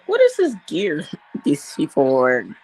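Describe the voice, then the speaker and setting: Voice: medium pitch, wildly swooping pitch, measured pace, darkish tone, poor audio. A wrestling watch-along panelist making jokes in casual chat. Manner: joking, wisecracking.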